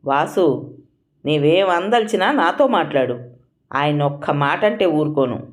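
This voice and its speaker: A woman's voice: mid-range voice, very animated, moderate pace, darkish tone, voice pushed up, natural voice. A woman reading an audio story, voicing a firm elderly mother who speaks sternly to her son.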